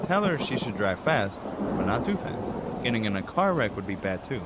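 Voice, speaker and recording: A man's voice: lowish voice, big pitch swings, moderate pace. Guy voicing a blunt literal younger bro, matter-of-fact, rain noise in the back. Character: literal-minded young adult brother, blunt and flat. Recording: rain and thunder noise behind.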